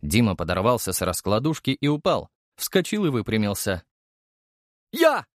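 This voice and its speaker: A man narrating an audiobook in a lively storytelling style, acting out the characters' voices. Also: on the low side, a little fast, no room sound, studio quality.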